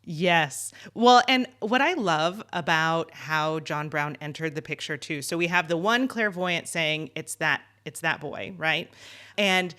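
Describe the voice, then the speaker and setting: A woman hosting a podcast, telling stories in casual chat and quick to laugh. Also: sits low, pushed and bright. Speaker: podcast host.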